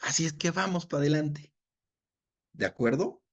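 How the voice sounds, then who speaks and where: A man's voice: fairly high pitch, expressive, normal speed. A man leading a Bible study in a conversational way, reading verses aloud and checking in with his listeners. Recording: dull lo-fi recording.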